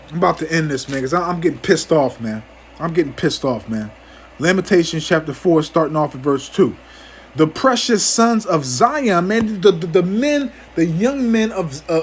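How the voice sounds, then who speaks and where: A man's voice: high voice, slight background noise. A man giving an angry, profane commentary on scripture as a teacher, stammering through restarts and ending almost every phrase with "man".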